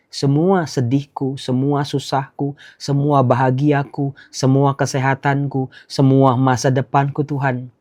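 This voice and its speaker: A middle-aged man, a priest, teaching the Bible in a casual, conversational way and chanting prayer phrases in a slow monotone. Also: medium pitch.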